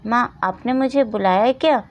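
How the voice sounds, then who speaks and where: A woman's voice: fairly high pitch, moderate pace, no room sound, dull audio, natural voice. A woman doing a meek pleading little girl. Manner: soft, pleading. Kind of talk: storybook narration with voiced roles.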